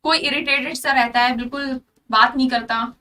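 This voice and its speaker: A woman teacher in an online exam-prep lesson, repeating each word drill-style, explaining through memory tricks and often checking "clear?". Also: high voice, fairly even intonation, normal speed, sharp tone, distant mic. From India. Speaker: vocabulary teacher.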